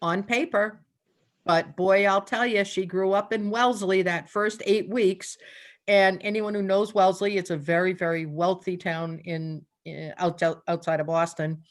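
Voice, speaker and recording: An older woman guest, an animal communicator, talks in a laid-back interview with a mid-range voice, fairly even intonation, and a slightly slow pace. She spins stories, laughs frequently, and gives voice to her animals' thoughts.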